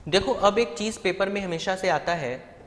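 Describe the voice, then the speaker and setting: A man with a high-pitched, fairly bright voice teaches biology in a live online class at normal speed, with a long reverb tail on the audio. He explains step by step and puts rhetorical questions to the students he fondly addresses.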